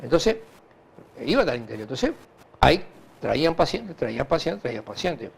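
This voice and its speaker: A man with a Uruguayan Spanish accent answering conversationally in an interview, halting and repeating himself as he recounts anecdotes. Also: mid-range voice, creaky, slightly rough. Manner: animated, halting and repetitive, with frequent filler tags. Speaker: interview guest, hospital director.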